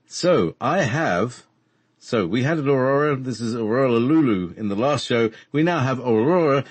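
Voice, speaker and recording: A man hosting a casual, rambling talk show, haltingly searching for words, who cannot say R properly and says w for r. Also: mid-range voice, expressive, slightly rough, no echo. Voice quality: trouble saying R, says w for r. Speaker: radio show host.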